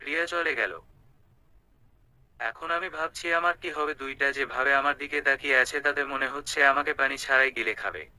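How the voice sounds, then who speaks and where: A man's voice: medium pitch, moderate pace, bright, forceful tone, smooth, no echo, low-quality recording. A young man narrating a first-person romantic story in a conversational, colloquial way.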